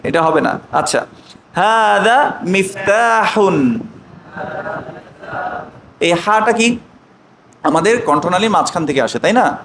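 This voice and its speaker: A man teaching an online Arabic lesson, drawing out slow model phrases and often asking the students check questions. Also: on the high side, lively intonation, fairly bright tone, roomy sound, slight background noise, low-quality recording.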